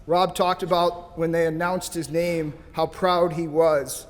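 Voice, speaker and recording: A man's voice: on the high side, flat delivery, unhurried. A man from St. Louis giving a thankful, storytelling hall of fame acceptance speech at a podium microphone in a banquet hall. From St. Louis, USA. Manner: storytelling, thankful, loose and joking. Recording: hall reverb.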